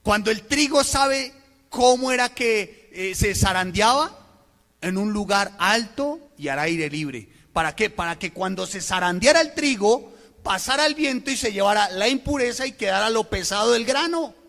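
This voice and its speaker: A man preaches a sermon in a church, his voice sitting high for a man. He reads scripture and keeps asking his listeners questions in an expressive delivery. A long hall reverb trails each phrase. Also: normal speed. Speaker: pastor.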